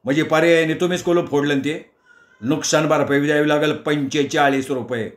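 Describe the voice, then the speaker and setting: Fed-up middle-aged neighbour guy, scolding and accusing, fairly high voice, echoey room, a narrator doing him. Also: fairly even intonation, fairly quick, close to an everyday voice. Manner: agitated, scolding.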